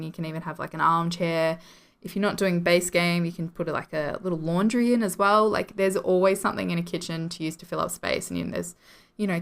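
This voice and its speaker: A woman's voice: fairly low pitch, creaky, a bit bright. Giggly rambling Australian woman. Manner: rambling, self-deprecating, apologetic, giggly. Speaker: video game building channel host. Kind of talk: casual gameplay commentary. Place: home room.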